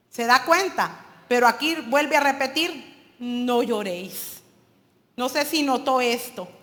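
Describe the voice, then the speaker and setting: A woman preaches with an emphatic sermon delivery, often turning to address her listeners as brothers. Her voice sits high and bright, and it rings out with a long hall reverb around it.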